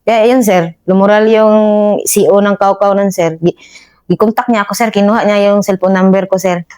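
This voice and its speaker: A woman's voice: mid-range voice, steady tone, normal speed, a little mellow. A woman corporal telling her combat story to an officer, respectful and deferential. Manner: respectful, says "sir" after nearly every phrase. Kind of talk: interview storytelling.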